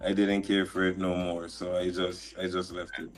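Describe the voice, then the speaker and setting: A man's voice: low voice, faint music behind. Laid-back man. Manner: relaxed, halting, lots of restarts and slang. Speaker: producer and guest. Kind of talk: casual interview chat. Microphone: live stream call.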